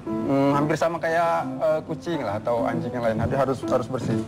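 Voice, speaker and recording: A man's voice: mid-range voice, little pitch movement, a little fast, over loud music. A man appearing as an expert guest on a talk show, steadily explaining how chicken contests are judged. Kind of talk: explaining in an interview.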